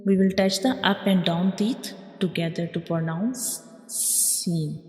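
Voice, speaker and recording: A woman's voice: on the low side, normal speed, roomy sound, in a large hall, soft background music. A woman teaching Quran letter pronunciation step by step, repeating each point and modeling the sounds. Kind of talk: slow step-by-step pronunciation lesson.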